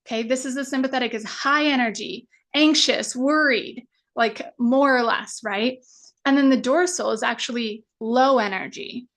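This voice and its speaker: A woman's voice: on the high side, normal speed, fairly bright tone. A woman business coach teaching a live online masterclass in a casual, chatty way, full of fillers and the odd swear word. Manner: acts out anxious inner voices.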